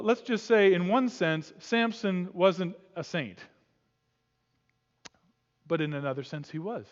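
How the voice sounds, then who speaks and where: A man pastor preaching a sermon, telling stories in an animated way, acting out quotes and adding joking asides. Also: high voice, in a large hall, highs cut off.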